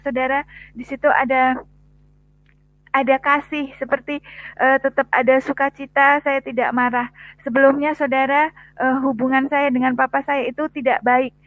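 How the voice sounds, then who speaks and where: A young woman giving a personal faith testimony, pausing often with "eh" and repeatedly addressing her listeners. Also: high voice, level tone, dry recording, narrow, tinny audio. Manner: addresses listeners as "saudara" often, hesitant with frequent "eh". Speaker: testimony speaker.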